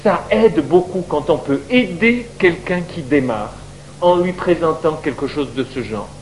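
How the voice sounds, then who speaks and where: Man, Bible teacher, high voice, very animated pitch, slow delivery, sermon to a congregation. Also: a little hiss or hum, poor audio. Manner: lively, questions the audience.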